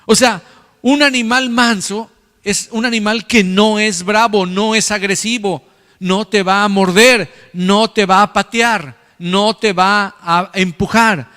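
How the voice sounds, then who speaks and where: A man's voice: high voice, a bit bright, long reverb tail. A man preaching a sermon as pastor, in a conversational way with many repeated words. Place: church hall.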